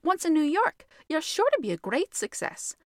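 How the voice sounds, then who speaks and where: A woman voicing a spirited, sharp-tongued young girl who talks quickly and brightly in a raised voice. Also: high-pitched, big pitch swings, no room sound, studio quality, voice pushed up. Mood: scornful.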